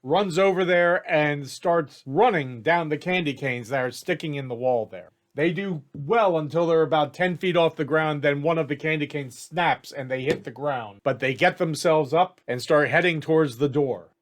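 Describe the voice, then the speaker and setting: A man's voice: a little high, normal speed, hardly any pauses. A man running a tabletop game as game master, narrating casually and matter-of-factly. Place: home setup, online stream.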